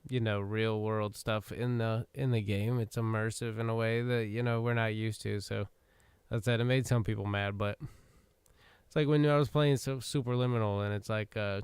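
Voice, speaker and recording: A man hosting a gaming livestream who chats loosely, rambles and swears casually while he has the hiccups. His voice is very clear and dry, and he speaks close to the mic. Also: fairly low pitch, steady tone, moderate pace, no room sound. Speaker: livestream host. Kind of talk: casual gaming stream chat.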